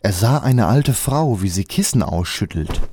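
A man's voice: on the low side, animated, normal speed, darkish tone, slight background noise. A man narrating a comic fairy-tale radio play in a storytelling manner.

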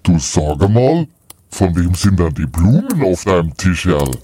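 A man's voice: deep voice, very animated, measured pace, mellow, husky, no echo, clean studio sound, full character voice. A man voicing a jovial, beer-loving Father Christmas, hearty and folksy.

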